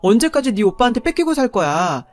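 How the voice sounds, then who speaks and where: A woman's voice: medium pitch, animated, fairly quick, darkish tone, soft background music, natural voice. A woman voicing a scornful, money-obsessed young husband who berates his wife. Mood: berating. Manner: sneering, berating.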